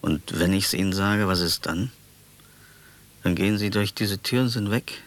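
An actor playing an embittered, stubborn older war veteran in a radio drama, deliberate and grumbling. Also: male voice, sits low. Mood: bitter, stubborn. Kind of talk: naturalistic German radio drama.

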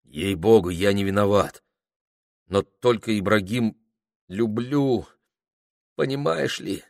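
A man's voice: on the low side, slow pace, vocal fry, darkish tone. A man voicing an anxious, lovesick young merchant's son who talks in a tense, pleading way.

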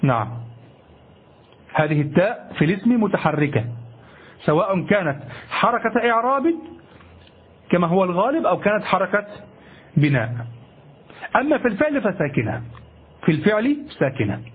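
Man, grammar teacher, raspy breathy voice, muffled lo-fi recording, checks in with students. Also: high-pitched, sing-song. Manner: repeats key phrases slowly, checks students with "ha?" and "naam". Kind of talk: classroom lesson.

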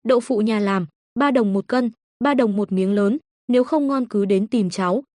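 A woman voicing a small, sick, obedient boy in a soft, childlike, pleading voice. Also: medium pitch, moderate pace, no echo, clean studio sound, close to an everyday voice. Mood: sweet hawking.

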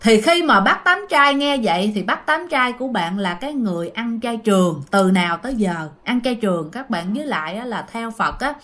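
A woman's voice: a little high, animated, moderate pace, few pauses, fairly bright tone. A woman telling a ghost story casually, addressing her listeners and acting out scenes.

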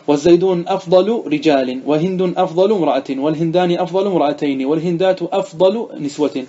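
A man's voice: a little high, warm tone, muffled recording. A man, a sheikh, teaching an Arabic grammar lesson, reading a text aloud, then explaining it and quizzing his students.

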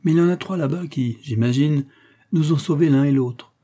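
Un lecteur jouant un rancher plein d'admiration, poli et volubile, au timbre sombre et voilé. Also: male voice, a little high, a little fast, mellow, voice pushed up, natural voice. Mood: earnest. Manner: polite, effusive. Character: polite rancher, admiring, eager.

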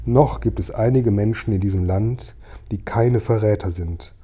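A man's voice: fairly low pitch, moderate pace, warm tone, breathy edge. A man reading an audiobook and voicing a frail, starving old man who whispers and wails in fear. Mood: whispering fearfully. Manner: whispering, wailing, fearful.

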